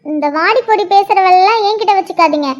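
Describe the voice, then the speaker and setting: Super squeaky cheeky young girl voiced by a woman, sassy and defiant, cartoon. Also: a little fast, highs cut off. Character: feisty young female student defending her friend.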